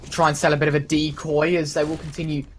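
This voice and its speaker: A man with a slightly high voice does esports caster play-by-play, talking quickly with flat delivery yet dramatic, emphatic phrasing. Game gunfire and clicks fill the background.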